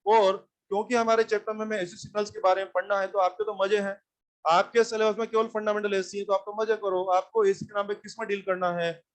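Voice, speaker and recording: A man's voice: sits high, level tone, quick pace. A man teaching an electronics class, who talks bluntly, scolds his students and keeps firing questions at them.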